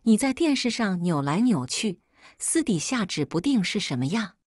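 A woman's voice: sing-song, normal speed, a little mellow, slightly rough, no room sound, clean studio sound. A woman voicing a scheming, insulting middle-aged sister-in-law in a storybook reading. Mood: scolding. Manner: scolding, shrill and insulting.

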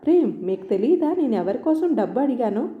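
A woman's voice: fairly high pitch, big pitch swings, fairly quick. A woman voicing a proud young woman who questions firmly and directly. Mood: defiant. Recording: roomy, dull lo-fi sound.

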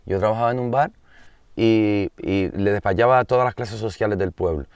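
Lower-voiced man telling stories a bit off mic. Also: fairly quick, clear, resonant tone, no room sound. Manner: lively anecdotal storyteller. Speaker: singer-songwriter guest. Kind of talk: casual conversation. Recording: slightly distant, dry mic.

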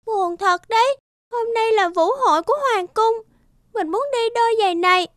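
At normal speed, a woman voices a vain, spoiled little girl in a cartoon fairy tale, sounding childlike, high and bright, whiny, sulky and theatrical. The sound is clean studio audio with no room sound, and music plays behind her voice.

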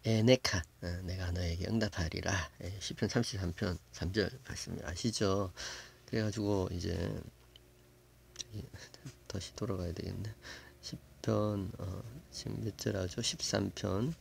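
A man giving a casual, musing Bible lesson, thinking aloud with many fillers and slowly sounding out words before explaining them. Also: sits low, fairly even intonation, gravelly, a little hiss or hum. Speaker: Bible Hebrew teacher.

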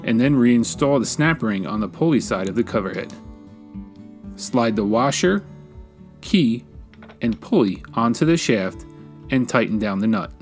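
A man, a woodworking channel host, giving calm, measured step-by-step voice-over instructions. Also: medium pitch. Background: faint guitar music.

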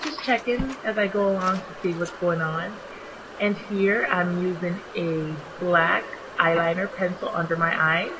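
Having just woken up, a young beauty vlogger narrates her makeup tutorial with a slightly raspy voice that sits on the low side. She's casual and talkative, pausing with ums, while recording in a small home bathroom. Steady hiss is audible throughout.

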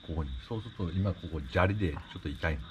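A man chatting casually, explaining things in halting, trailing dialect phrases. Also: sits low. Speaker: camping vlogger. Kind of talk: casual chat over food and drinks. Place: inside a tent. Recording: noisy ambient tent recording.

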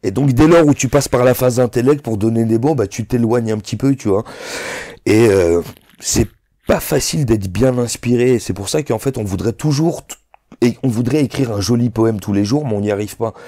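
In a dry, clean studio recording, a man in his thirties chats casually as a rapper guest being interviewed. He speaks at a normal speed with a medium-pitched, warm voice. A non-native French speaker, he keeps it loose and slangy, repeatedly dropping "tu vois."

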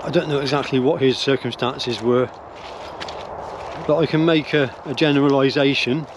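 An older man from England walks his dogs through the woods and shares opinions in a rambling vlog, hesitant and reflective, with many restarts and fillers. The close handheld camera, held at arm's length, catches his mid-range voice, fairly even intonation, and moderate pace, plus background noise.

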